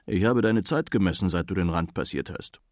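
A man voicing a cheerful, eccentric old Man in the Moon who calls out loudly and excitedly. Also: low voice, a little fast, dry recording, clean studio sound, close to an everyday voice. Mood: chatty.

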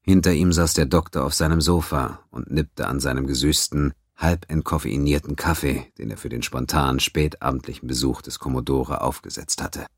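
A man narrating a science-fiction audiobook in a steady, even storytelling manner. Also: rumbling low, moderate pace, few pauses, no echo, clean studio sound.

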